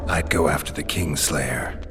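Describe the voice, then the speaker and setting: An actor voicing a jaded monster hunter held prisoner in a video game, dry, deadpan and sarcastic. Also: male voice, extremely low pitch, measured pace, noisy background. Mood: firm, bargaining.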